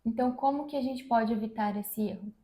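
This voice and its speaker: Mellow, measured mother giving advice. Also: on the high side. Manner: measured, advice-giving, repeats key phrases. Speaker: mother and channel co-host. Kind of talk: casual parenting advice chat. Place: room at home. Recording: echoey room.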